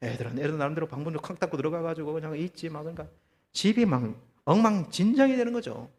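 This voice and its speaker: A man preaching a sermon as pastor, telling a story with lively, acted-out quotes and rhetorical questions to the congregation. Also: a little high, fast talker, big-room sound. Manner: animated storytelling, acting out quoted voices. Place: church.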